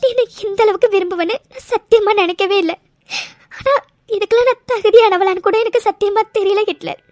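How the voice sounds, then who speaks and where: A woman voicing an emotional young woman in a cartoon dub, who speaks in a soft and hesitant way. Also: extremely high pitch, brisk, no room sound, studio quality. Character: tender, emotional young woman, often tearful.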